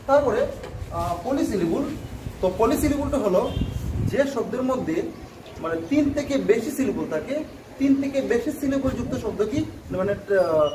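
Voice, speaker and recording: A man teaching a grammar lesson to students, explaining patiently, repeating points and often pausing with fillers and asking if they follow. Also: very high-pitched. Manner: repetitive, frequent filler "ah", checks "okay?". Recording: roomy, distant mic, faint background noise.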